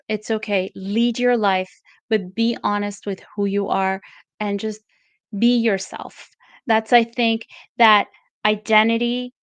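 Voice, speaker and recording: A woman's voice: medium pitch, clean tone, dry recording, poor audio. A woman from Canada hosting a live interview, speaking in an earnest, encouraging and reflective way. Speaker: host.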